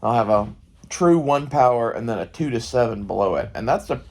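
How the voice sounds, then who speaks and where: Gravelly American man rambling casually. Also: medium pitch, expressive, brisk. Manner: profane, thinking aloud. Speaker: gun hobbyist vlogger. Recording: faint background noise. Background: faint ambient noise.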